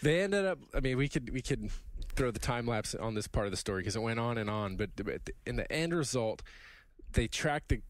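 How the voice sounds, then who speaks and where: A man's voice: mid-range voice, expressive, fairly quick, no echo. A man co-hosting a podcast, telling a story in a loose, rambling way. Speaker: podcast co-host. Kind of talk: casual chat.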